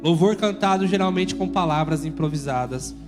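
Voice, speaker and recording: A man preaching a sermon as pastor in a church, lively and urging the congregation to repeat words and shout. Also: fairly high pitch, normal speed, music in the background. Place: church hall with live congregation.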